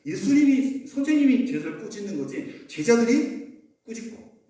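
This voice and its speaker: A man's voice: very high-pitched, sing-song, normal speed, dark tone. A male pastor preaching a sermon, emphatic, often putting questions to the congregation. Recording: echoey church hall, mic far off.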